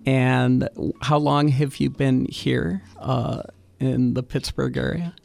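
A man hosting a radio interview, asking friendly questions with many "uh" pauses. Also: medium pitch, fairly even intonation, vocal fry, a little mellow, no echo. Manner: friendly questioning, frequent "uh" fillers. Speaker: radio host interviewing young guests.

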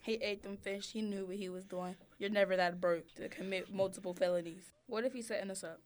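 A woman's voice: mid-range voice, steady tone, fairly quick, natural voice. A woman voicing a feisty, suspicious mermaid who accuses others in improvised comedy. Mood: accusing. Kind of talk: improvised comedy role-play.

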